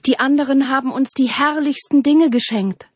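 Whiny high little tree voices a lady puts on, breathy and pleading, storybook. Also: expressive, moderate pace, a little mellow, no room sound. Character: chorus of eager, complaining talking trees.

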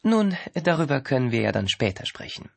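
A man voicing a polite, smooth-talking male art dealer eager for a deal. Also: mid-range voice, very animated, fairly quick, no room sound. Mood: courteous, eager.

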